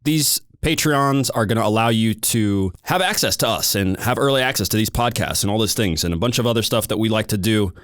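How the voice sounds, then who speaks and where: A man's voice: fairly low pitch, brisk, hardly any pauses, a bit bright, no room sound, studio quality. An American man hosting a podcast, ranting in a heated, emphatic monologue. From United States. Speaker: podcast host.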